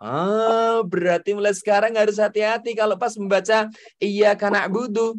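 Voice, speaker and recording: A man's voice: high-pitched, steady tone, normal speed, dry recording. A young man teaching children, enunciating carefully, playful and encouraging. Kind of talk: children's lesson.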